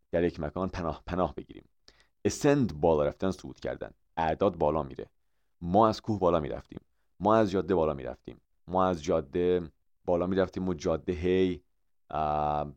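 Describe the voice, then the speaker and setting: A man with a Persian accent teaching English vocabulary in an online lesson. He explains in quick bursts, then slows down to model each English phrase. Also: low-pitched, a little mellow, lo-fi sound.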